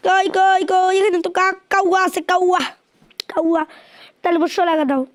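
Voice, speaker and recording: Very high-pitched excitable woman gamer. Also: normal speed. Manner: taunting, shouting at game characters. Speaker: gaming channel host. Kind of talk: excited horror game commentary.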